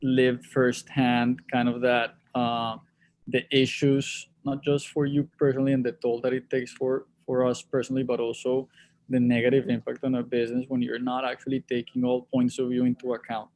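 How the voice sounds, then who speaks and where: A man's voice: mid-range voice, little pitch movement, moderate pace, darkish tone. A man, a guest answering interview questions over a video call in a thoughtful way, often restarting his sentences. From Colombia. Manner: thoughtful, with frequent restarts and repeated words. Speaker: sports league executive guest.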